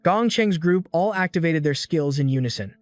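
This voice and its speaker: A man's voice: a little high, expressive, moderate pace, no echo, soft background music. Male narrator reading a story recap.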